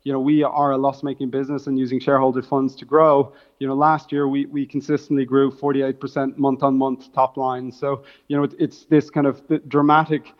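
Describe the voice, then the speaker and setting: Even-toned Dublin man explaining his business. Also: medium pitch, brisk, hardly any pauses, muffled recording. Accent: Dublin Irish. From Dublin, Ireland. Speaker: startup founder, interview guest. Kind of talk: conversational business interview answers.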